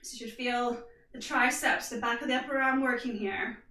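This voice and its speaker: A woman fitness instructor giving steady, upbeat coaching cues through a guided workout. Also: on the high side, normal speed. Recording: echoey room, mic from far off.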